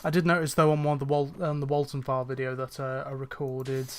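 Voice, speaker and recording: Speaking quickly in a mid-range voice with little pitch movement, a young streamer chats with his audience while playing a cleaning game live. His talk wanders, with fillers and restarts, and he comes across as somewhat tired. A little hiss or hum is audible.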